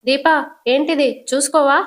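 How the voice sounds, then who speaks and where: A woman voicing a shrill, scheming old grandmother. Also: steady tone, normal speed, lightly acted. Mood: indignant. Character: scheming elderly grandmother, sharp-tongued.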